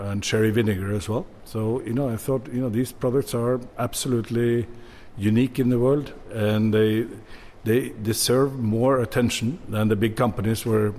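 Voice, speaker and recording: A man's voice: lowish voice, a little mellow. Hesitant Norwegian-born man in his sixties. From Norway. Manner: hesitant, many fillers and restarts. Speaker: bodega owner. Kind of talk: interview answers.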